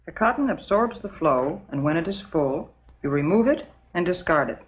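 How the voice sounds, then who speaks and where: In a lightly acted performance, an actress with a lowish voice and American accent becomes a calm, motherly substitute teacher in an old educational film. Her scripted lecture is measured, prim, patient and instructive, and the soundtrack is muffled and dull.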